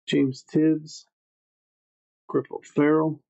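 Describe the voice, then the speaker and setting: A man's voice: on the high side, little pitch movement, drawn-out words, creaky, mellow, highs cut off. A man hosting a livestreamed trading card break, calling out names matter-of-factly in short clipped phrases.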